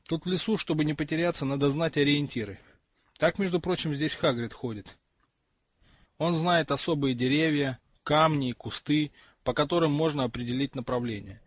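Figure: brisk, confident schoolboy wizard, read by a man. Quality: husky. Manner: offhand. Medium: audiobook. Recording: dry. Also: on the high side, no echo. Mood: explaining.

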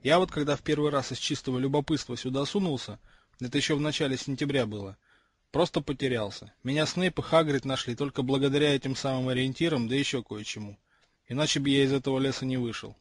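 A man reading the lines of a brisk, confident schoolboy wizard in an audiobook, in a slightly husky voice with an offhand manner. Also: medium pitch, no room sound, natural voice. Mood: explaining.

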